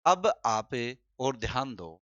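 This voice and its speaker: A man's voice: mid-range voice, sing-song, fairly bright tone, no echo. A man teaching a Hindi grammar lesson, repeating key terms and quizzing his listeners. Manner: drawn-out, deliberate delivery. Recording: slightly dull, dry sound.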